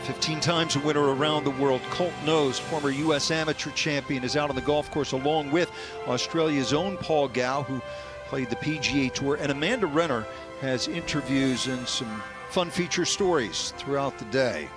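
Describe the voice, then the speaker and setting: A man giving live golf commentary as a broadcast host, with polished, measured announcing. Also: mid-range voice, music in the background.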